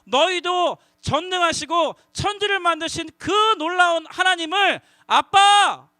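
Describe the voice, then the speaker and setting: A man preaching to middle schoolers as their youth pastor, lively and coaxing the audience to call out together. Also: very high-pitched, a little slow, no echo, studio quality. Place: church youth worship hall.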